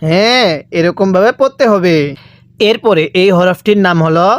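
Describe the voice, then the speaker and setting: A man's voice: sits high, moderate pace, smooth, no echo, studio quality. A man teaching how to pronounce Arabic letters, patiently repeating each one and asking the viewer to say it back. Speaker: Quran reading teacher. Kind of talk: step-by-step recitation lesson.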